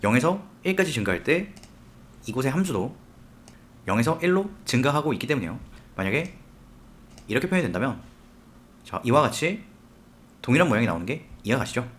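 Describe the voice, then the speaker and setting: Lively male tutorial instructor. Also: mid-range voice, brisk, long pauses. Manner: explains step by step, asks the viewer questions. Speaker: software instructor. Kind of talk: screen-recorded tutorial.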